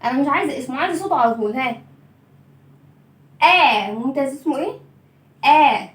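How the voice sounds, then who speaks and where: Egyptian woman, children's reading teacher; high voice, drawn-out letter sounds, echoey room, a little off mic. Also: expressive, far from the mic. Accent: Egyptian Arabic. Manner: patient, drawn-out sounding of letters with call-and-response questions. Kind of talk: children's lesson.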